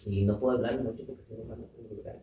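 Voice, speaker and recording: A man's voice: fairly low pitch, steady tone, fast, dull audio. A man with a Mexican accent, a guest telling stories in a chatty way, laughing often and using many fillers. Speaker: interview guest. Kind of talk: casual storytelling. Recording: roomy sound, mic at a distance.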